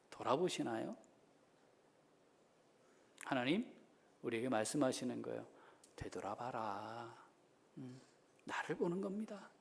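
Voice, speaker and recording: A middle-aged man, a senior pastor, preaching a sermon that swings between loud exhortation and soft, intimate asides. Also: medium pitch, vocal fry.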